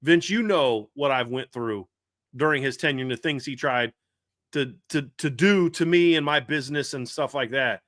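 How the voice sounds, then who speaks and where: Guy hosting a live football show, bright voice, dry sound, rambles and restarts a lot. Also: medium pitch, moderate pace, no room sound. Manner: animated, rambling, frequent restarts. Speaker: podcast host. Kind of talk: casual live sports talk.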